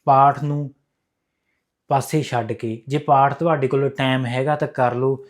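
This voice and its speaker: Punjabi guy preaching to his viewers, direct, repeats himself, mid pitch. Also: fairly even intonation, measured pace. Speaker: spiritual advice vlogger. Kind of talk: earnest instructional talk to camera.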